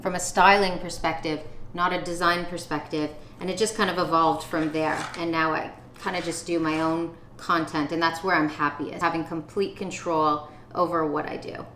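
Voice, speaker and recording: A Canadian vlogger in her thirties chats confidently while cooking in her home kitchen, tossing in playful asides. Her deep, fairly bright voice is delivered flatly at normal speed with few pauses. The kitchen sounds echoey, with faint noise.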